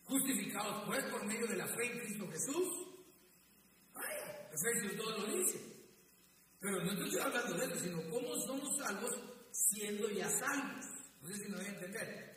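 High-voiced preacher in an echoey hall. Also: male voice, big pitch swings, normal speed, a bit bright, a little hiss or hum. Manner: preachy, repeats words, addresses listeners as brother. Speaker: pastor. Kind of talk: sermon. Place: church hall. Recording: echoey hall, mic at a distance.

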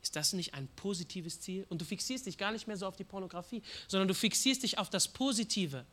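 A man preaching a sermon with passion, swinging from hushed words to loud outbursts. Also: sits high, fairly quick. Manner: impassioned, swings from hushed to shouting; acts out quoted prayers and voices.

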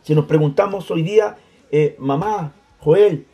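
Dark gravelly man preaching on radio. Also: fairly high pitch, a little slow, faint music behind. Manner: preachy, emphatic, addresses listeners. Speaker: radio host.

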